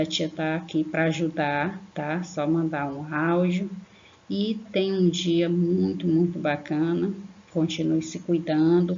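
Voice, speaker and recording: A Brazilian woman teaching an online grammar lesson to young children, affectionate, slowly spelling out syllables and checking in with a questioning "tá?". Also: low-pitched, gravelly, warm tone. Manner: affectionate, tags sentences with a questioning "tá?"; slow, emphatic spelling-out of syllables. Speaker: primary school teacher. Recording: lo-fi online class recording.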